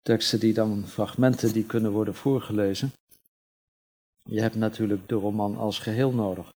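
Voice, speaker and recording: A man's voice: fairly low pitch, fairly even intonation, normal speed, darkish tone, husky. A man speaking unscripted at a book reading, explaining and searching for his words. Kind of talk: unscripted talk about a novel.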